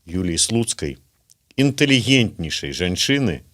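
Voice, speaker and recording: A man with a fairly low voice asks long interview questions. He hesitates a lot and fills the gaps between his words with drawn-out filler sounds. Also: big pitch swings, a bit bright.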